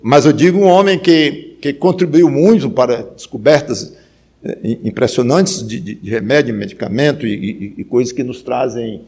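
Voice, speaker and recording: A man preaching a sermon, rising to loud emphatic peaks and dropping to low quiet stretches, often repeating words as he thinks. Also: normal speed, creaky, slightly rough. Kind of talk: sermon on Ecclesiastes.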